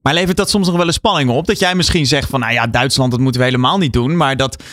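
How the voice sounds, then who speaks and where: A man's voice: medium pitch, fast, fairly bright tone, no echo, clean studio sound. A man from the Netherlands hosting an interview, asking questions in a hesitant way with many fillers and restarts. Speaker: podcast host, interviewer.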